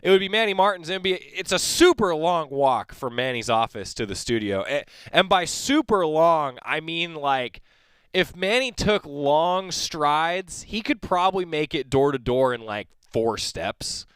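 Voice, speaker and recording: A man's voice: on the high side, animated, a little slow, fairly bright tone, clean tone, no echo. A man hosting a sports radio show in a studio, chatting casually with a rambling, joking manner. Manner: rambling, self-correcting, joking. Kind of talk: casual interview chat. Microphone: studio mic.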